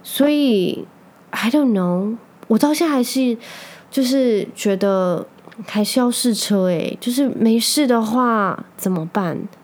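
A woman hosting a podcast alone, chatting casually and telling stories with lively quoted outbursts. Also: on the high side, takes it slowly. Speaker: podcast host. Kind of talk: casual solo chat.

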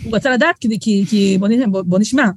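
This middle-aged guest author has a husky, medium-pitched voice. In a relaxed podcast chat, she spins lively stories, mimics quoted voices, and often restarts what she's saying.

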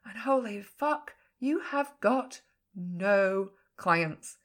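A woman's voice: medium pitch, lively intonation, very slow, a bit bright. A woman business coach giving a frank, emphatic podcast talk, swearing casually now and then. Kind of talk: podcast teaching monologue.

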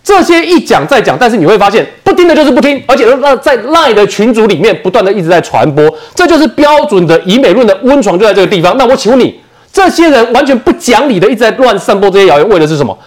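A man's voice: high-pitched, big pitch swings. A man with a Taiwanese Mandarin accent arguing as a political commentator on a talk show, firing off rhetorical questions. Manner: fast, emphatic, rhetorical questions.

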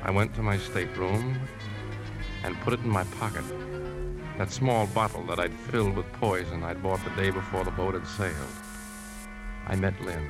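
In a 1950s radio drama, the lead actor, who also narrates, plays a brooding leading man secretly plotting to poison a woman. He shifts between first-person narration and dialogue in a low, measured, confiding voice. The audio is poor, vintage 1950s radio with music.

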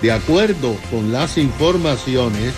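A man with a medium-pitched voice presents news on a radio show at a slow, measured pace. He explains things to his co-host, and music plays clearly behind him. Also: expressive. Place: radio studio. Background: music bed.

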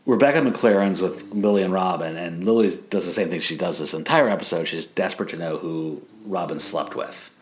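A man with a very deep voice co-hosting a casual podcast. He retells sitcom scenes and chuckles often as he goes. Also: fairly quick, few pauses. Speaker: podcast co-host. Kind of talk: casual TV episode recap chat.

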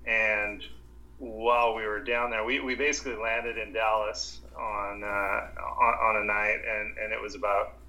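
Halting, flat-voiced man telling his story. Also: on the low side, low-quality recording. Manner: halting, many restarts and repeated words. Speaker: restaurant owner, guest. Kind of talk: casual interview storytelling.

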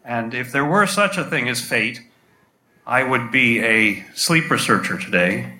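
Older male storyteller, bright and forceful, playful with the crowd; low-quality echoey live stage recording. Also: animated, unhurried. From United States. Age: 60s. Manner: conversational and playful, with audience asides. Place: stage before a live audience.

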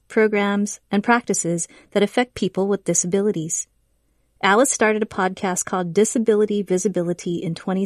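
Woman, public radio host, scripted narration, measured delivery, mid-pitched, very dry recording. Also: dry recording.

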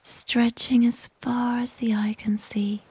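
A woman whispers a guided relaxation story about nature. Her voice is very breathy and soft, with an even, barely moving melody. She goes slowly and soothingly, leaving long pauses between short phrases. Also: on the high side, poor audio.

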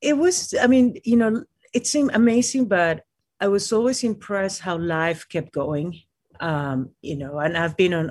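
A woman from Peru, a mountaineer guest in an interview, speaking in a halting way with many fillers and restarts. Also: deep voice, a little mellow, no room sound. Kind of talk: casual interview talk.

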